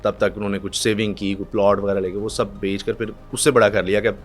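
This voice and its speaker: A middle-aged man from Pakistan, a news anchor telling stories in a podcast chat, acting out quotes and reciting verse slowly. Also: lowish voice, little pitch movement, soft background music.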